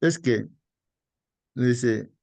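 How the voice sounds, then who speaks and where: Guy teaching bible study like a sermon, kinda gravelly, keeps saying brothers, voice jumps up then goes quiet. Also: extremely slow, no room sound. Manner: addresses listeners as brothers, asks rhetorical questions; pitch jumps up for emphasis, drops soft on asides. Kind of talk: sermon-style Bible lesson.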